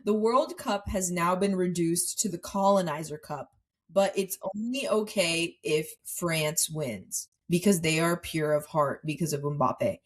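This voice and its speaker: A young woman co-hosting a casual podcast, chatting and quoting clips in lively voices. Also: on the low side, a little slow. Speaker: podcast co-host. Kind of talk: casual chat.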